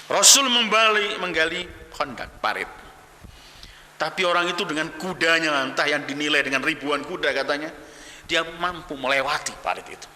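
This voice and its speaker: A man preaching a sermon, telling stories dramatically with loud exclamations and hushed low phrases. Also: expressive, normal speed. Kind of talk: sermon storytelling. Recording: echoey hall with long reverb.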